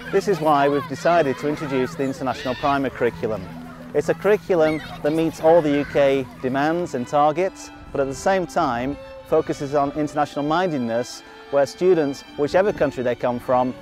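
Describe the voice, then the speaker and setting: A man who heads a primary school, giving a measured, formal scripted presentation. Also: medium pitch, a little mellow. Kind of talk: scripted promotional talk.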